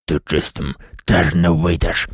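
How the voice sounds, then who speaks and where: A man reading an audiobook, voicing a menacing male robber in a low, hushed hiss. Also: level tone, measured pace, breathy edge, no room sound, clean studio sound. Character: menacing adult male robber, hissing threats.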